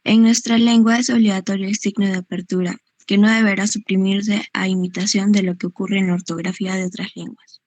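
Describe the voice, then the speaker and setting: A woman's voice: medium pitch, little pitch movement, a little fast, darkish tone, no echo. A woman reads a passage aloud for her class, steadily and carefully. She is close to her microphone, and the sound is dry. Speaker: student. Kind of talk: reading a text aloud in class.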